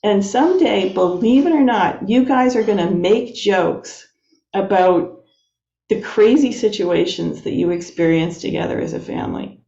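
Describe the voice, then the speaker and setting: A woman's voice: medium pitch, expressive, unhurried, vocal fry, warm tone. A woman guest on a panel telling an amused anecdote to the group. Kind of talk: casual storytelling. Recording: roomy, dull lo-fi sound.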